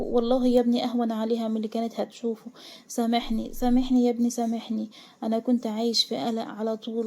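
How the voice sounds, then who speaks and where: A woman's voice: a little high, warm tone, natural voice. A woman with an Egyptian accent voicing a remorseful older father who pleads and soothes earnestly. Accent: Egyptian Arabic.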